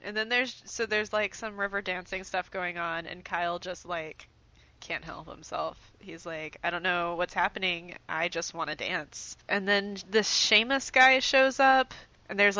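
Bright-voiced chatty woman podcaster. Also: mid-range voice, unhurried, no echo, low-quality recording. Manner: animated, chatty plot retelling. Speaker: podcast co-host. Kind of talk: casual podcast chat.

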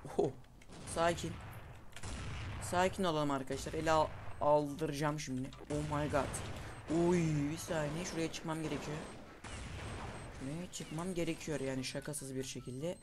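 A young man giving casual, excitable commentary over his own gameplay, calling out moves to his viewers. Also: on the high side. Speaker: gaming YouTuber. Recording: faint game noise and gunfire behind.

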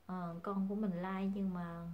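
A woman's voice: fairly low pitch, level tone, unhurried, muffled recording. A young woman, chatting casually to her viewers as a mother, hesitant and full of fillers. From Vietnam. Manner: hesitant, many fillers, calls viewers family. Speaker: vlogger, mother.

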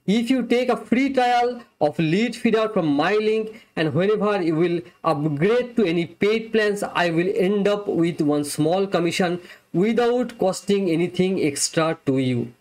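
Young man walking through a software demo. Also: sits high. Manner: plain step-by-step explaining. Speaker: software reviewer. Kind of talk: screen-recorded software demo. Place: small indoor room, webcam overlay.

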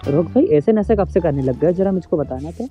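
A man giving casual, excitable gameplay commentary full of teasing trash talk. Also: a little high, a little fast, dull audio. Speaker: mobile game streamer. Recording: game music and gunfire behind the voice.

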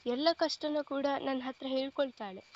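A woman reading as a gentle caring brother. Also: high-pitched, moderate pace, lo-fi sound, lightly acted. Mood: musing. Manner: gentle, reassuring, affectionate. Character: caring young man, protective elder brother figure.

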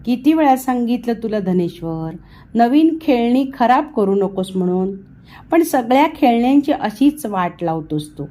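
A woman's voice: on the high side, very animated, measured pace, dark tone. A woman voicing an exasperated mother scolding her small son.

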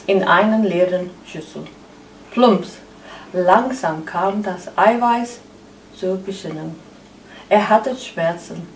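A woman narrating a story aloud in a deliberate, measured way. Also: medium pitch, slight background noise. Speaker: second story reader. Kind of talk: live storytelling reading. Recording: echoey room, far from the mic.

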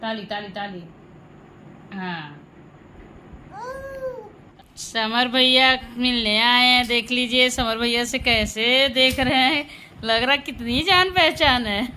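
Woman, family vlogger, casual home narration, playful baby talk, slow delivery, bright tone. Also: on the high side, a little hiss or hum, poor audio.

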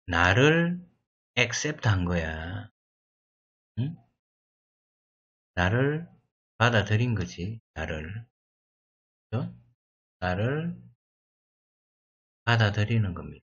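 A man teaching through Bible exam questions, reading English verses slowly and explaining them in his own words, thinking aloud as he goes. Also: on the low side, big pitch swings, a bit bright, husky, dull audio. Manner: slow, deliberate reading of English verses with Korean glosses; thinks aloud and corrects himself. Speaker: exam prep lecturer.

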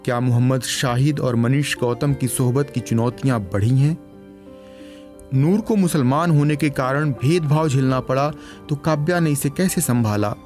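A man reads a news documentary script in a measured, formal way, his voice at an ordinary middle pitch. Soft music plays faintly beneath him. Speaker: reporter narrating.

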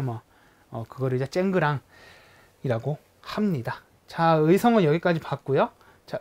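A young adult language teacher giving a recorded lesson who explains slowly, with many hesitant fillers, and imitates sounds to illustrate words. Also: medium pitch.

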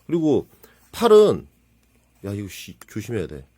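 A man with a lowish voice builds and shows off a plastic model kit, reviewing his work in casual, hands-on hobby narration. He speaks at a measured pace but is excitable, exclaiming and muttering to himself as he handles the parts.

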